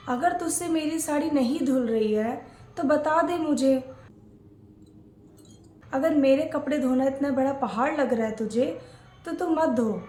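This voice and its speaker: A woman's voice: high-pitched, a little mellow, echoey room. A woman acting out a scripted family skit, playing both a mother-in-law and a daughter-in-law.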